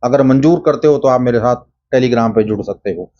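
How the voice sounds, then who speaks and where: A man's voice: medium pitch, moderate pace, dark tone, a little hiss or hum. A middle-aged man casually retelling a story, acting out both sides of the talk and often adding filler phrases. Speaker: dream-telling video host. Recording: dull lo-fi sound.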